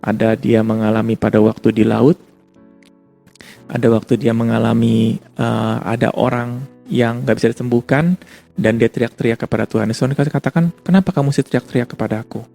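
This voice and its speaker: A man's voice: medium pitch, steady tone, a little fast, creaky, dark tone, faint music behind. A male pastor giving a casual, conversational sermon, repeating his points for emphasis. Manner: casual conversational preaching with repetition.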